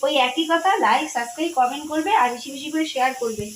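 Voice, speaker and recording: A woman's voice: sits high, quick pace, poor audio. A middle-aged woman, a mother cooking at home for her vlog, chatting casually and checking that viewers follow along. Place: home kitchen. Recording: kitchen background noise.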